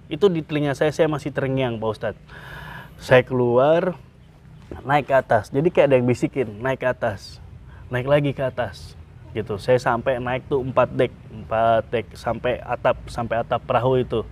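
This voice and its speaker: A man being interviewed as a guest, telling his own story in an earnest, halting way with frequent filler sounds. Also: medium pitch, darkish tone, a little hiss or hum. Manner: earnest, hesitant with many "eh" fillers. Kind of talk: interview, personal account.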